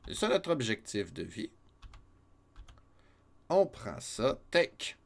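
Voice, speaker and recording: Animated, slow-talking Québécois man. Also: medium pitch, gravelly. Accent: Québécois French. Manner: playful, teasing, chuckling often. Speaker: let's-play streamer. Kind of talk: casual live gameplay commentary.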